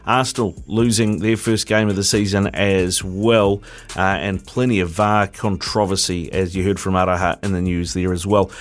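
A man's voice: low-pitched, flat delivery, normal speed. A New Zealand man hosting sports talkback, chatting casually and colloquially in a matey way on a studio mic. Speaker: sports talkback radio host. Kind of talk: casual live radio chat. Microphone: radio studio mic.

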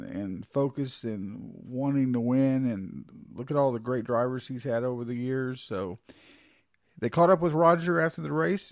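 A man's voice: medium pitch, a little mellow, no echo, clean studio sound. A man co-hosting a casual talk show, easygoing and fond of folksy phrases. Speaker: podcast co-host. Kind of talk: casual chat.

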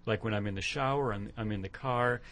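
A man guesting on a radio show as a workshop leader, speaking calmly and reflectively. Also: lowish voice, fairly quick. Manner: calm, reflective, gentle. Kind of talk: radio interview.

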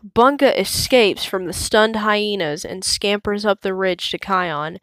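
Slow, measured woman reading a storybook. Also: medium pitch, a bit bright, no room sound. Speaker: storybook reader. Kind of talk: reading a children's storybook aloud.

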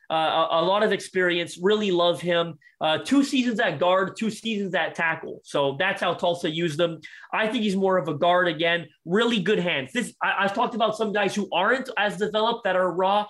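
A man with a high voice talks through draft prospects on a podcast. He is eager and quick, slightly out of breath, often restarting his sentences. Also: a bit bright. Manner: fast, enthusiastic, many restarts. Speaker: draft analyst guest. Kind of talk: podcast sports talk.

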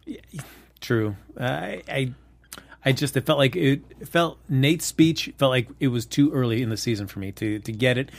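A man's voice: mid-range voice, moderate pace, gravelly. A man in a mid-range voice co-hosts a casual TV review show. He rambles and jokes, often restarting his sentences as he works toward a complaint. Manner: rambling, many restarts and fillers, joking. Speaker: podcast co-host.

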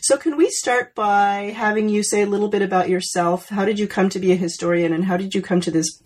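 A woman's voice: mid-range voice, fairly even intonation, a little fast, darkish tone, slightly rough, rough recording. Woman hosting an academic book interview. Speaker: podcast host.

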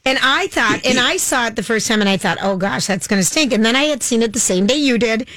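A woman co-host jumps in with quick, lively remarks, her voice a little high and swinging widely in pitch. The sound is dry and close. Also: no room sound. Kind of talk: casual chat.

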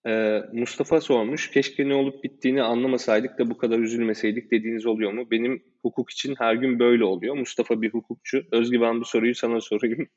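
A man hosting a casual discussion, explaining in a measured way with hesitant fillers. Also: medium pitch, flat delivery, a little mellow, muffled recording. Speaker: host.

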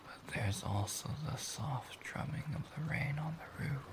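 A man playing a tender, soothing boyfriend in a whispered role-play, speaking softly, warmly and intimately, as if very close to his partner. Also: medium pitch, unhurried, background noise, lightly acted. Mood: dreamy, calming. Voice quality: soft, breathy whisper with creak.

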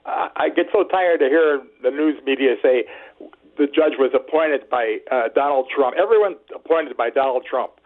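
A man's voice: medium pitch, moderate pace. A man chatting casually about politics as a caller to a radio show. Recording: tinny narrow phone line.

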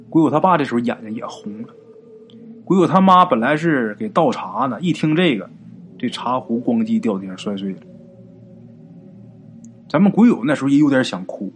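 A man narrates a ghost story at an easy, unhurried pace. His voice sits in a middle register and his telling is colloquial, full of homely asides to the listener. A faint hiss runs under the recording. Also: medium pitch.

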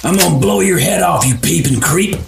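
A man playing a crude young bro in a game, with a heavily gravelly voice at a middle pitch. He sounds a little far from the mic, with faint crickets outside. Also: a little fast, a little hiss or hum. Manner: crude, swears, bro slang.

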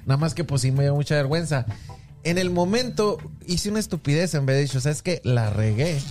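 A man telling a story in a relaxed, casual chat. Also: a little high, a little fast, soft background music.

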